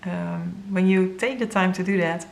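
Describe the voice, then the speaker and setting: A woman with a Dutch first language giving an earnest, halting tarot reading to viewers, with many fillers and moments where she grows emotional. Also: fairly low pitch, fairly even intonation, gravelly. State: emotional, near tears. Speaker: tarot reader.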